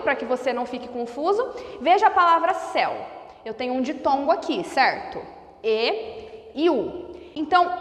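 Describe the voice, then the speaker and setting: A woman's voice: sits high, roomy sound, in a large hall. A woman teacher giving a grammar lesson, explaining step by step and checking in with her students. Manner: lively, explains step by step with frequent "tá?" check-ins. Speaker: Portuguese teacher.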